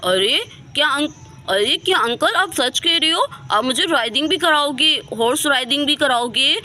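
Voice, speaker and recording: Woman voicing a childlike young woman, bright. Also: sits high, animated, normal speed. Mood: childlike, eager. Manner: childish pleading speech. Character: naive young woman who talks like a child.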